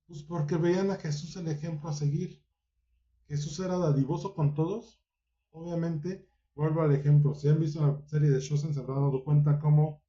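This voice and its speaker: A man's voice: on the high side, warm tone. A man preaching a Bible study, asking his listeners direct questions one after another and acting out the voices he quotes. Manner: asks listeners many direct rhetorical questions; acts out quoted voices within the teaching. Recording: roomy, dull lo-fi recording.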